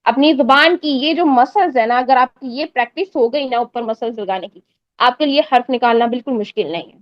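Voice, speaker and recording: High-voiced woman teaching pronunciation drills. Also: dry recording, dull audio. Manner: patient, repeats drill sounds, keeps checking with the listener. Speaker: Quran recitation teacher. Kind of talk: step-by-step pronunciation lesson.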